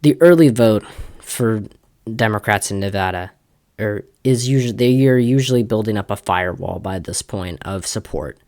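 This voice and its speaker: A man's voice: lowish voice, no room sound. A young man giving casual election prediction commentary, talking loosely with many fillers and restarts. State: slightly out of breath. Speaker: political commentator.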